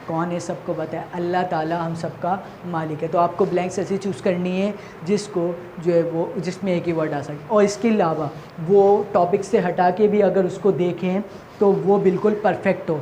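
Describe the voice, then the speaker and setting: A woman teacher with a Pakistani Urdu accent talks through a recorded lesson for children in a fairly low voice. She repeats key points and answers her own questions. A faint noise runs under the recording. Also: fairly even intonation, dark tone.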